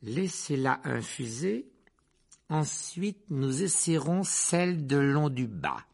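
A man voicing a cold, sneering male potions teacher who speaks slowly and with contempt, in a storybook reading. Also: medium pitch, sing-song, vocal fry, voice pushed up, full character voice. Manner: slow, cutting, contemptuous.

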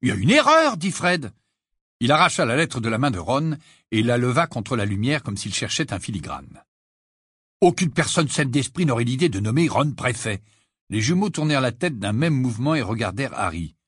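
A man narrating an audiobook with animated, dramatic storytelling, on a close studio mic. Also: medium pitch, fairly quick, slightly rough, dry recording. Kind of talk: expressive audiobook reading.

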